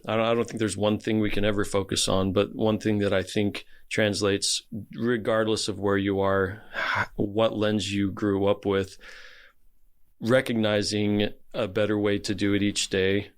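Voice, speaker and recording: Male podcast host with a somewhat low voice, easygoing and thoughtful. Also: level tone, moderate pace, clear, resonant tone. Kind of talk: casual podcast conversation.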